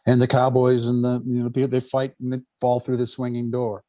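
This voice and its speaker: A man's voice: medium pitch, monotone, fairly quick, mellow, dry recording, lo-fi sound. A man giving an earnest preaching talk to a gathering, telling stories and often stumbling and restarting his words. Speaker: speaker on church life.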